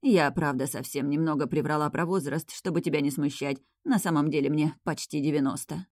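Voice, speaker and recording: A woman voicing a playful, self-assured female elf princess with a low, velvety voice in an audiobook. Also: a little fast, a little mellow, dry recording, studio quality. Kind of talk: audiobook reading.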